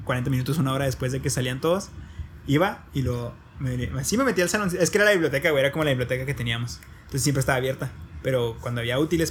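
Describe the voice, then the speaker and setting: A man's voice: medium pitch, fairly bright tone, a little hiss or hum. A young man with a Mexican accent telling a funny story in slangy, casual chat. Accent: Mexican Spanish. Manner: slangy storytelling, laughing asides.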